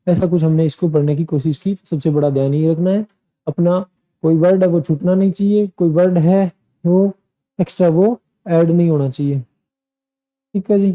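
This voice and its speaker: In a lo-fi recording, a man from India explains English exam tasks to his class at a moderate pace, speaking directly and repeating himself like a teacher. His pitch is fairly high and his intonation fairly even.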